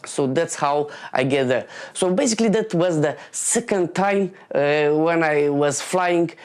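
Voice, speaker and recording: A man in his late twenties from Moldova, delivering a halting stand-up comedy monologue full of fillers and restarts. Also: a little high, a little mellow, clear, resonant tone.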